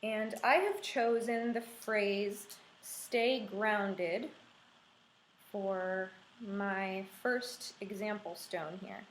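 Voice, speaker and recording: A woman in her thirties teaches a craft in a calm, reassuring way, at a slow, unhurried pace. Her voice sits at a middle pitch. The room is echoey, with faint noise behind her. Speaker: art instructor leading a craft and meditation tutorial. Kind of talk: instructional talk while demonstrating a craft. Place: small room indoors with a window.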